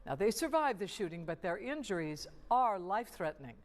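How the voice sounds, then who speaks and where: A woman news anchor introducing a report in a clear, composed studio delivery. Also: mid-range voice, sing-song, brisk.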